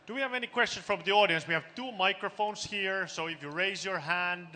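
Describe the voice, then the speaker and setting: A man's voice: high voice, brisk, sharp tone. A man moderating a conference panel, upbeat as he directs the discussion. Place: large conference hall. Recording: long hall reverb, faint noise.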